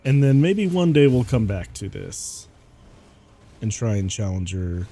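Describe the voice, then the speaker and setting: A man's voice: on the low side, sing-song, unhurried, dark tone, faint music behind. A man streaming a video game in casual commentary, sounding sleepy and stuffy, rambling and laughing often. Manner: giggly, rambling.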